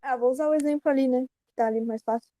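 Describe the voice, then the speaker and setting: Woman, Brazilian Portuguese accent, teacher, casual explaining, mellow tone, dry close recording. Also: high-pitched, steady tone, rapid-fire, no echo. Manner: explanatory, casual, self-correcting. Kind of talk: online grammar lesson.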